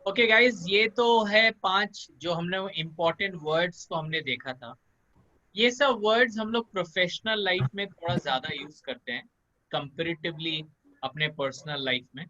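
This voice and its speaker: A man teaching vocabulary in a live online class, drilling pronunciation by slow repetition and calling on students by name. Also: high-pitched, pushed and bright, highs cut off. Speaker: spoken English teacher. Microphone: video call.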